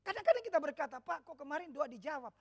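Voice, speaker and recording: A woman pastor preaching a sermon with lots of drama, acting out shouted quotes from congregants and disciples. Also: high-pitched, sing-song, racing.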